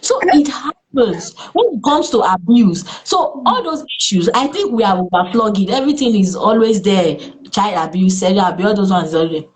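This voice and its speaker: A Nigerian woman speaking as a therapist in an interview, earnest and lively, with exclamations in her stories. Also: mid-range voice, brisk, few pauses. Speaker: therapist guest. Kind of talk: interview conversation.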